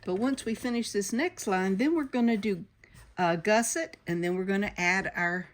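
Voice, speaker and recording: A sewing instructor with a mid-range voice walks through a hands-on tutorial at normal speed, explaining each step as she works. Sewing machine noise and clicks are audible behind her.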